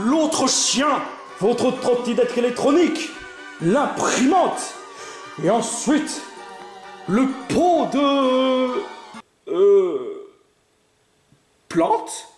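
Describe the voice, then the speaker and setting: A man doing a high gloating greedy bully. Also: echoey room, heavily acted. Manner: pompous, gloating, insulting, rattles off lists. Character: greedy bossy male gambler who mocks everyone.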